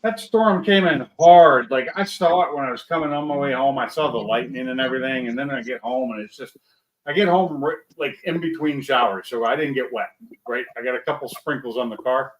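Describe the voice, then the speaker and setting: A man's voice: mid-range voice, fairly quick, dull audio. Plain-spoken man chatting in his garage. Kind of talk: casual chat on a video call. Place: home garage. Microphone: laptop on a video call.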